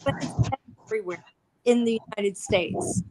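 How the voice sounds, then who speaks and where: A woman's voice: medium pitch, moderate pace, background noise. A woman talking casually as a guest on a remote live stream. Her call audio is choppy and keeps breaking up. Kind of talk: casual chat. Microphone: remote live video call.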